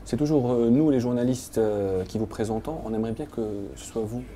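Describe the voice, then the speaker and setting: Mellow-voiced male interviewer. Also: medium pitch, a little fast, a little hiss or hum. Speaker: journalist, interviewer. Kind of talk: interview questions.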